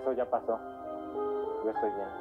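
A man's voice: fairly low pitch, steady tone, normal speed, phone-quality sound, over loud music, close to an everyday voice. An actor with a Mexican accent playing a guarded, hurt young man who performs as a street clown in a TV drama. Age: young adult.

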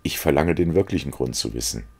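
A man's voice: rumbling low, expressive, brisk, vocal fry, darkish tone, slightly rough, exaggerated voice. A man reading aloud as a witty, cynical young aristocrat who talks in mocking epigrams. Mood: amused, teasing.

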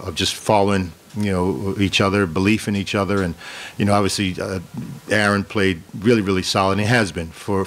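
A middle-aged man with a fairly low voice fields questions after a game as head coach. He speaks in a measured, steady way, doubling words as he restarts a thought. He talks into a desk microphone in a press room. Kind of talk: post-game press conference answers. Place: press room in front of a sponsor backdrop. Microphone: desk microphone on a stand.

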